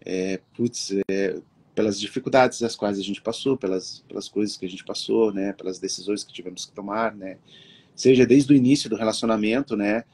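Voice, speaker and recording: A man co-hosting a casual podcast chat, telling a personal story with lots of filler tags and getting animated in the retelling. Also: fairly low pitch, moderate pace, breathy edge. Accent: Brazilian Portuguese. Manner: storytelling, lively when retelling. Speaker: podcast co-host.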